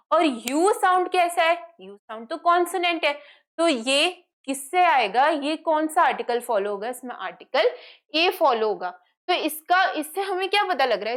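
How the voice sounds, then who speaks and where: A woman with an Indian accent teaching an online class in a high voice. She explains at an unhurried pace and keeps asking and answering her own questions. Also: fairly bright tone. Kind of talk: online lesson, mixing Hindi and English.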